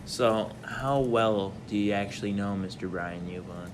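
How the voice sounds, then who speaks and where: A young man running a mock-serious interview with deadpan, formal questions. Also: on the low side, a little slow, background noise.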